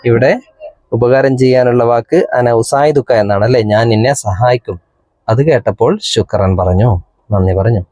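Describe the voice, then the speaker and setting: A man leads a lesson on an Arabic exam paper at an unhurried pace. He reads each line, then translates and explains it for young pupils. His voice sits in a middle range and sounds close and dry. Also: medium pitch, dark tone, dry recording. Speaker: Arabic teacher.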